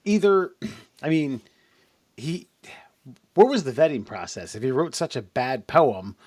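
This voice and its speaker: A man's voice: mid-range voice, very animated, measured pace, darkish tone, no echo, studio quality. A man co-hosting a comedy podcast, talking in a wry, rambling way with many restarts. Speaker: podcast co-host. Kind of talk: casual comedic chat.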